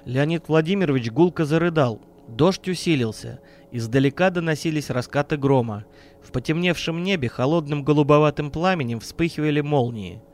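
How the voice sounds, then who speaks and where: A man narrating a horror audiobook in an even, measured storytelling manner on a close mic. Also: fairly high pitch.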